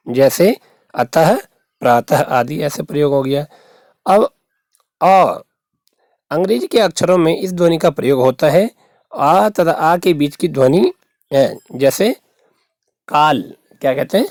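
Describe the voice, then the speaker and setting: A man's voice: on the high side, a little mellow, dry recording, studio quality. A male school teacher giving a patient grammar lesson to young students, repeating terms and asking rhetorical questions.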